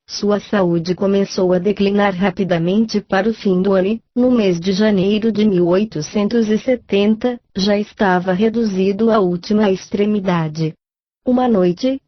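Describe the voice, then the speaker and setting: A woman reads a book aloud in a calm, measured narration. Her voice sits in a middle range. The recording is dull and lo-fi, with a dry sound and no room echo. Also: mid-range voice. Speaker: reader.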